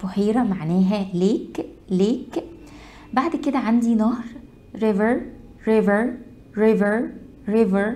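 A woman with an Egyptian Arabic accent teaching English vocabulary to beginners, repeating each word slowly several times. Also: mid-range voice, warm tone.

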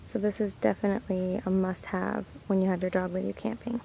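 Gravelly-voiced woman vlogging at camp. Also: medium pitch, a little fast, a little hiss or hum, poor audio. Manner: relaxed, chatty. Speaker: dog owner vlogger. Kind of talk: casual product walkthrough vlog. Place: outdoor campsite.

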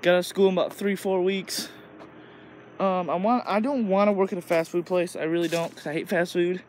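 A man's voice: high voice, fairly even intonation, brisk, a little mellow. Teen guy from illinois rambling on a woods walk, phone mic, traffic and outdoor noise behind. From Illinois, USA. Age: teens. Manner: rambling, crude, loose talk with lots of "like". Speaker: vlogger. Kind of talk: casual walking vlog. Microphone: phone camera held while walking. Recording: noisy outdoor phone recording.

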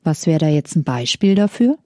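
Mellow-voiced radio host woman, dry studio. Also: deep voice, big pitch swings, normal speed, no room sound. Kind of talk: radio interview, asking questions.

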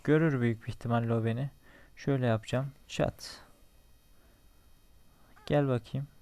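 A man's voice: medium pitch, fairly even intonation, normal speed, a little mellow, clear, resonant tone, no echo. A young man giving casual running commentary while playing a survival game, talking to himself, joking and cursing at enemies. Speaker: gaming channel host.

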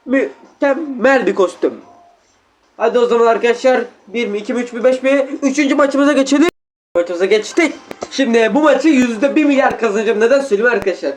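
A high-pitched man calls out his gameplay at home in a rush of exclamations, his throat sore and catching on a cough. He keeps turning to his viewers as friends. Faint noise sits under the voice. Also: a little fast. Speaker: gaming YouTuber. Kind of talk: excited gameplay commentary.

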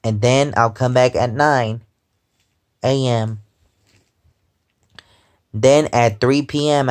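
Slow-talking young man rambling from bed. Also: mid-range voice. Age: 20s. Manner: rambling, repeats "because, um". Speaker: vlogger. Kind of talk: casual chat. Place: lying in bed at home, indoors. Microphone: phone held close above face.

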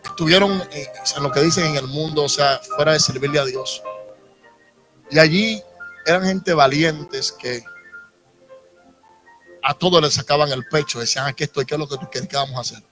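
A thirtysomething Dominican pastor, his voice on the high side, preaches to his congregation in a church sanctuary through a handheld mic. He speaks at a moderate pace with long pauses, building emphasis and tossing asides to the audience. Soft instrumental music plays under the low-quality recording.

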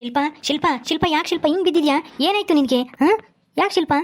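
A skeptical father-in-law scolds quickly and brushes things off, voiced by a woman. The voice is high and fast-talking, in a comic village skit. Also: natural voice. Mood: dismissive. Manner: brisk, dismissive, scolding.

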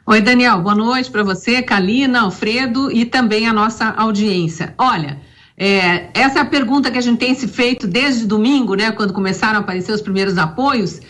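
A middle-aged woman commentator speaks over a video call from her home study, in a rather high voice. She argues emphatically and combatively, dropping sarcastic asides. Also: moderate pace, fairly bright tone. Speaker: political commentator. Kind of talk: opinionated news commentary.

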